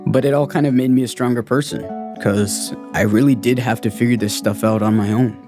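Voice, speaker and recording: With music in the background, a young adult man speaks fairly quickly in a steady, mid-range voice. Born in Guatemala and based in the United States, he co-hosts a podcast and shares his life story in a candid, informal, reflective conversation.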